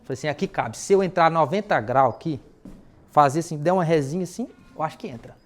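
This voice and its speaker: Fast-talking man preaching with lively stories. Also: on the high side. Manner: lively storytelling that acts out remembered dialogue in casual slang. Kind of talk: sermon with personal testimony.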